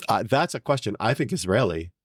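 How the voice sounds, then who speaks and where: A man's voice: lowish voice, expressive, brisk, breathy edge, no room sound, clean studio sound. Rambling, joking middle-aged man. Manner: rambling, joking, self-mocking. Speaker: podcast co-host. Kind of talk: casual comedic chat.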